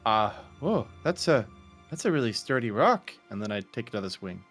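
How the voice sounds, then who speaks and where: A man's voice: mid-range voice, big pitch swings, moderate pace, a bit bright, soft background music. A man playing a tabletop role-playing game, talking casually in a hesitant, stammering way as he improvises.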